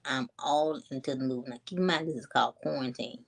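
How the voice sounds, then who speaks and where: A woman, casually telling a story to her viewers in a chatty, animated way. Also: very deep voice, fast, gravelly. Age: 20s. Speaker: vlogger.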